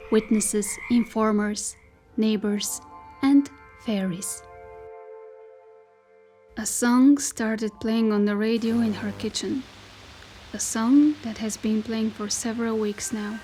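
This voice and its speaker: A woman narrates a dystopian folk tale, reading scripted literary prose in a measured, descriptive manner. Her voice sits on the high side and sounds mellow.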